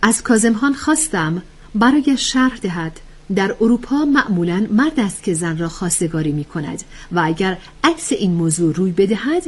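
A woman's voice: medium pitch, husky, pitched above the performer's own voice. A woman voicing an earnest woman who explains things patiently to her friends. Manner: explanatory, lecturing.

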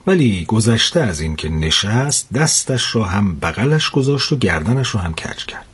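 Husky male storyteller, animated delivery. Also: mid-range voice. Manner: expressive, with moralizing asides. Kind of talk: first-person story narration.

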